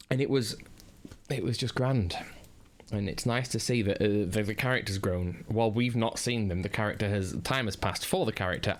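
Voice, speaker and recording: Low-voiced Northern English man reviewing. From Northern England. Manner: rambling, many fillers and restarts. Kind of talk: casual spoken review.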